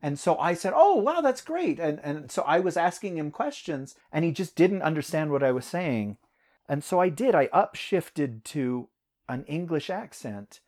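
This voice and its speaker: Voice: mid-range voice, moderate pace, darkish tone. An American audiobook narrator telling a story in a casual podcast chat, with laughing asides.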